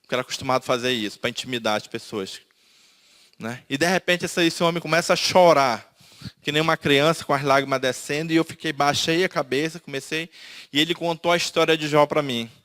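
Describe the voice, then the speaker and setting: Sharing his emotional testimony, a man from Manaus speaks briskly in a slightly high, somewhat bright voice with a Brazilian Portuguese accent. He tells it as a story and acts out the dialogue he quotes.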